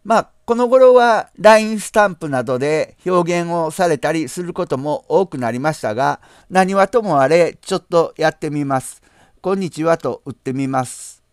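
A man from Nara, hosting a screen-share software tutorial in a polite, explanatory way, often pausing on drawn-out asides. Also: fairly high pitch, animated, clean tone, dry recording, studio quality. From Nara, Japan. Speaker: channel host.

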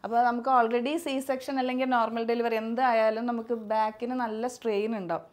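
Showing her home nursery setup on a vlog, a young mother talks fairly quickly in a high, slightly mellow voice with fairly even intonation. She's chatty and croons in sing-song to a crying baby; someone else holds the camera, and there's slight background noise.

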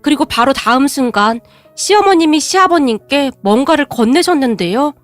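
A woman telling a first-person story in scripted narration, with a calm confiding delivery. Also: high-pitched.

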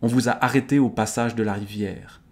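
A man's voice: fairly low pitch, steady tone, a little fast, darkish tone, natural voice. A man with a Swiss French accent reading aloud the lines of a cautious royal sister who fears revenge. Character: wary royal sister, fearful of revenge, woman.

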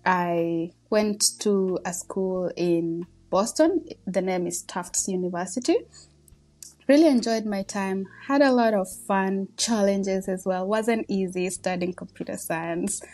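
In a casual podcast interview, a woman in her thirties with a Kenyan accent tells stories from her own life. She speaks modestly and warmly, chatting away with frequent laughs and many fillers. Her voice is mid-range and her pace a little slow.

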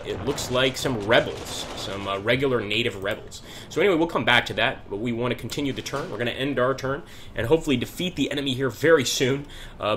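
Guy doing let's play commentary, bright tense voice, chatty, thinking out loud, bit of hum behind. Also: medium pitch. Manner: chatty, thinking aloud while playing. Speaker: gaming channel host.

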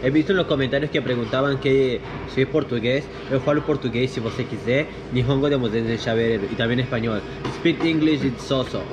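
A young man joins a food-tasting vlog as co-host, joking and teasing as he talks to the audience. His voice sits at an ordinary pitch. Clear restaurant noise surrounds him, caught by a camera on the table. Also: brisk, hardly any pauses. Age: young adult. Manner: joking, teasing, addresses viewers directly. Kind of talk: casual food-tasting chat. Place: indoor sushi restaurant.

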